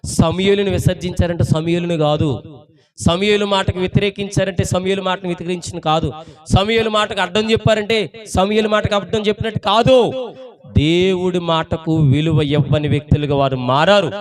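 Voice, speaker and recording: A man preaching in church with a fairly high voice. His delivery is impassioned and full of repeated questions. It rises to loud bursts and drops to near-whispers. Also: steady tone, a little fast. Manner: impassioned, repeats rhetorical questions, swings between loud and hushed. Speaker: pastor. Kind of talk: sermon.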